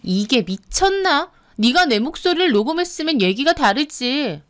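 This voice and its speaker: A woman's voice: sits high, very animated, normal speed, voice pushed up. A woman voicing a young sister-in-law who mocks and threatens with open contempt, in a radio drama. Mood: scornful. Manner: mocking, contemptuous, menacing.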